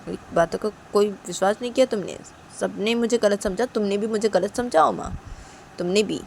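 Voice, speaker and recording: A woman's voice: mid-range voice, darkish tone, slight background noise, lightly acted. A woman voicing a hurt young woman who coldly pushes her lover away and repeats that she wants to be alone. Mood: bitter. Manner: cold, accusing, repeats herself. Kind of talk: one-woman storytelling with voices.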